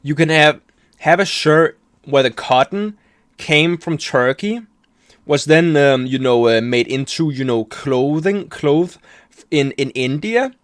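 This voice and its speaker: A man's voice: fairly high pitch, animated, takes it slowly, no echo. A man talking loosely over a video he is reacting to, with a dry, close sound. He rambles, swears constantly and trips over his own sentences. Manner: rambling, profane, restarts often, laughs at himself. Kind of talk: casual reaction commentary.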